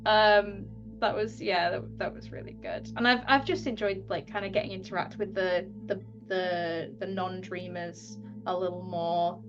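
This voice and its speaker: A woman's voice: medium pitch, fairly even intonation, normal speed. A woman tabletop player chatting casually and informally about a game. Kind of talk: casual chat. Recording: slightly dull sound, faint music. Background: faint music.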